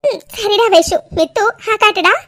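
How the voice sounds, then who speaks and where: A woman's voice: extremely high pitch, normal speed, fairly bright tone, no room sound, clean studio sound, voice pushed up. A woman voicing a fussy, doting middle-aged mother in a cartoon who coaxes someone to eat. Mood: coaxing. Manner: coaxing, insistent. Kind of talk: cartoon voice acting.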